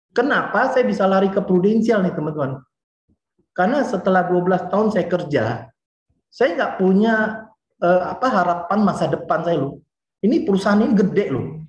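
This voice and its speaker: A man's voice: high voice, muffled recording. Chatty man giving a motivational talk in an echoey room. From Indonesia. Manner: lively and chatty, often addresses the listeners directly. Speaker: motivational speaker.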